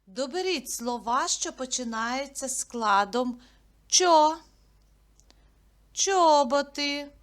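Slow, bright-voiced woman teacher. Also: high voice. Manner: slow, clear, patient teaching with sounds drawn out. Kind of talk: early literacy lesson for young children.

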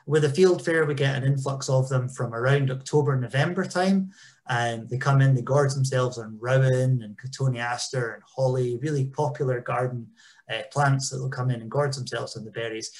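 A man's voice: mid-range voice, moderate pace, darkish tone. A man giving an informal conference talk over a video call, chatty and full of small ums. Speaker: engagement officer. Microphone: video call webcam.

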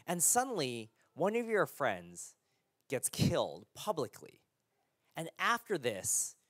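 A man, the church's pastor, preaching a sermon in a casual, halting way with many fillers and restarts. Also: fairly high pitch, no room sound, studio quality.

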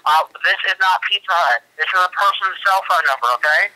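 A man's voice: sits high, fairly quick, sharp tone, low-quality recording. Exasperated man on the phone. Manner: exasperated, repeatedly politely interrupting. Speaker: prank call target.

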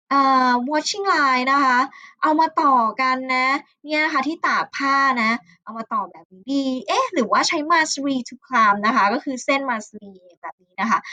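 High, bright-voiced Thai woman teacher. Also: dry recording, lo-fi sound. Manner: warm, chatty, many polite "ná khá" tags. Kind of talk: storytelling lesson for children.

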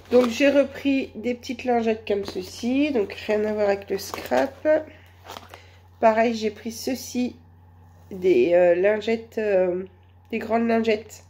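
A woman with a cold and a hoarse voice, chatting slowly and hesitantly through a shopping haul. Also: a little high, mellow, a little hiss or hum. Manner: hesitant, many fillers, slow and chatty. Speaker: vlogger. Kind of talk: casual shopping haul vlog.

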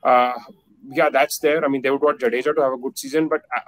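Joining a casual panel over video call from a plain indoor room, a thirties-aged man talks cricket fast, with lots of fillers and restarts. His voice is medium in pitch with fairly even intonation. The webcam captures poor audio with no room sound.

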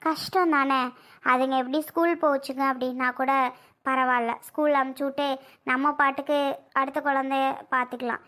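A woman's voice: sits high, fairly even intonation, normal speed, a bit bright. A woman playing a young pregnant wife and mother of twins, talking in a whiny, tearful, pleading way. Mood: worried. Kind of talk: Tamil family skit acting.

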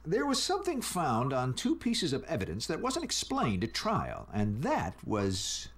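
A man's voice: medium pitch, huge pitch swings, measured pace, a crowd in the background. A man voicing an earnest, slightly clueless superhero lawyer in a video game, with formal courtroom phrasing. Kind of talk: video game cutscene voice acting.

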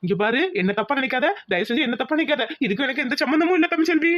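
A woman's voice: high-pitched, animated, rapid-fire, a bit bright, dull audio. Woman doing a flustered, apologetic young husband. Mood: panicky. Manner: anxious, repeats himself. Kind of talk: cartoon voice acting.

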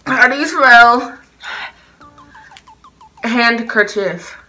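Giggly young woman talking w clothespins on her mouth, high n bright, slow-ish playful chat. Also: low-quality recording. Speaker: challenge video host. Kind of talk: casual playful chat in a spelling challenge.

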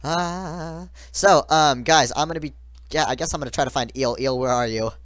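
Hoarse man calling a game. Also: fairly high pitch, normal speed, fairly bright tone, no room sound, clean studio sound. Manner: chatty, yelps when chased. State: hoarse from being sick. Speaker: gaming channel host. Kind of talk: gaming commentary with a friend.

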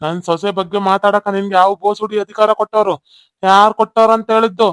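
A man's voice: high voice, steady tone, fast talker, very noisy, natural voice. A man voicing a harsh, hot-tempered older village man in a cartoon, with a North Karnataka Kannada accent, scolding and hurling threats. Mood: furious. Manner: scolding, abusive, shouting threats. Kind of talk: cartoon voice acting.

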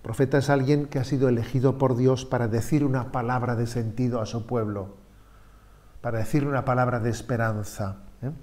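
A man's voice: medium pitch, fairly even intonation, fairly quick, darkish tone. A man, a bishop explaining the catechism in a teaching talk, often adding "eh" and "¿no?" asides. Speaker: bishop giving catechism talks.

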